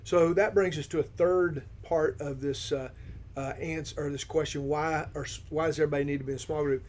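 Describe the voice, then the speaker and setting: Man with a slightly high voice steering a church podcast convo, steady and affirming. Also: a little fast. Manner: steady, affirming, guides the talk with questions. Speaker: discipleship ministry team member leading the discussion. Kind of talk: conversational podcast discussion.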